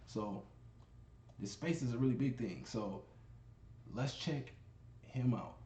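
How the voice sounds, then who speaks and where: A man's voice: medium pitch, slow pace, mellow. A man hosting a casual crypto video, chatting to viewers as he scrolls through web pages. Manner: conversational, addresses viewers as y'all, repeats "you know what I'm saying". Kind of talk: casual screen-share commentary. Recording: echoey room, faint ambient noise.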